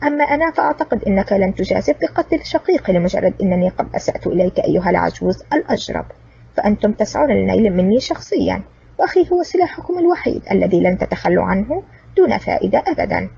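A woman's voice: mid-range voice, very animated, rapid-fire, creaky, warm tone, husky, full character voice. A woman doing a coolly sarcastic male hero. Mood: cool sarcasm. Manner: cold, mocking sarcasm. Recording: distant, dull lo-fi recording.

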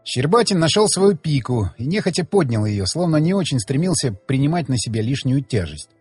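A man narrating an audiobook in the first person with expressive, swinging emphasis. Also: medium pitch, brisk, slightly rough, no room sound, soft background music.

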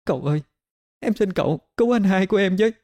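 Tearful young village woman, put on by a man, high strained voice, pleading, storybook reading. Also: steady tone, fast, close to an everyday voice. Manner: high strained crying pleas.

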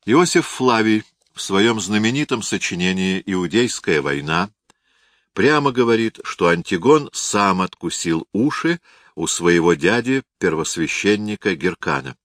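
A man narrating a historical novel as an audiobook reader, in a measured, dramatic reading. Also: fairly low pitch, animated, a bit bright, dry recording, clean studio sound.

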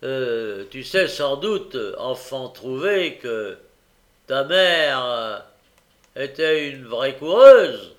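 A man voicing a spiteful teenage charity boy who taunts loudly and sneers. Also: on the high side, big pitch swings, slow pace, few pauses. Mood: taunting.

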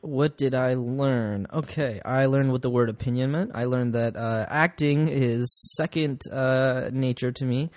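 A young man talks on a podcast as a comedian guest. His delivery is deadpan and a little reluctant. The sound is dry and close. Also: mid-range voice, measured pace, few pauses, no echo. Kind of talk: casual podcast banter.

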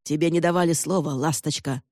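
A man's voice: a little high, fairly even intonation, a little fast, a little mellow, no room sound, studio quality, lightly acted. A man reading an audiobook and voicing a gaunt older lord who speaks curtly and snaps commands. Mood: commanding. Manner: curt, commanding, snapping.

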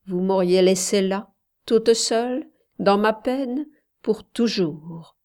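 A woman voicing a gentle, teasing young woman who softly coaxes her suitor in an audiobook. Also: medium pitch, takes it slowly, close to an everyday voice. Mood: wistful.

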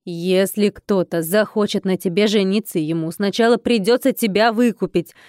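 A woman's voice: medium pitch, normal speed, a little mellow, no room sound, studio quality, close to an everyday voice. Woman doing a tearful, fussing innkeeper woman. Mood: reassuring.

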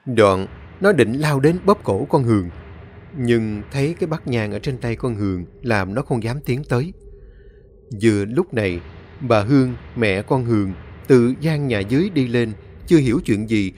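A male storyteller narrating a horror story in a dramatic, expressive reading. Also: medium pitch, normal speed, slight background noise. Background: faint music.

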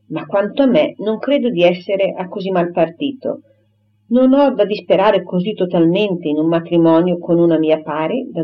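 A woman voicing a flowery, self-important young clergyman who courts effusively and takes offense, on a dull lo-fi recording. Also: fairly low pitch. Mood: offended. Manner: effusive, formal and wounded pride.

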